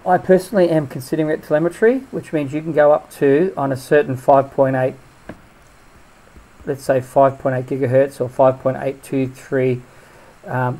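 A man's voice: medium pitch, dark tone, rough recording. A man giving a casual hands-on tutorial as he builds a drone, thinking aloud and drifting into asides.

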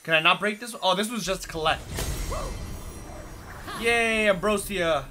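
A young man giving casual, playful and excitable commentary while playing a video game. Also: high voice, unhurried. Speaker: gaming video host. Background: video game music.

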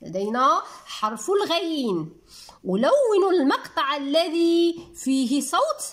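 A woman with a Moroccan accent teaching young children to read, sounding words out slowly one syllable at a time in a patient manner. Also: high-pitched, sing-song. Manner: patient, talks to children as little ones. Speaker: primary school teacher. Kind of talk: reading lesson for young children.

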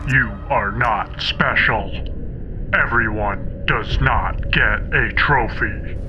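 A man voicing a menacing, mocking alien general in a silly parody redub, speaking with ominous deadpan pomposity through a broadcast effect with echoing repeats. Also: on the low side, lo-fi sound, over music. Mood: ominous, scornful. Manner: ominous, slow, deadpan delivery of absurd threats.

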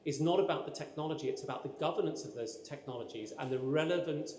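Measured man on a video call. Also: a little high, darkish tone, a little hiss or hum. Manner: measured, explanatory. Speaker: panelist. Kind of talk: panel discussion answer. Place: home office with bookshelves. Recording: roomy echo with long reverb.

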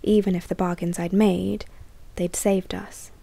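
A woman reading a novel aloud as an audiobook, often dropping into a soft whisper. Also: on the low side, level tone, measured pace, vocal fry. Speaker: audiobook reader. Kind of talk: audiobook narration.

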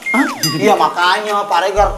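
A woman's voice: mid-range voice, fairly even intonation, moderate pace, noisy background, lightly acted. An actress playing a cheeky young woman college student, joking and telling a tall tale with sound effects. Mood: teasing. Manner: playful, giggly storyteller, sound effects. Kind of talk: sitcom acting. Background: background music.

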